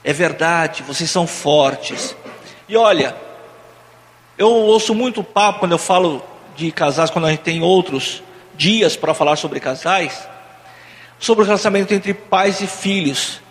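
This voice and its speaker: A man's voice: fairly high pitch, a little slow, a little hiss or hum. A man preaching to a congregation, joking and quizzing the audience. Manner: playful, asks the audience questions. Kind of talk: sermon with audience exercise. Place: church hall. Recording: church hall with reverb and audience.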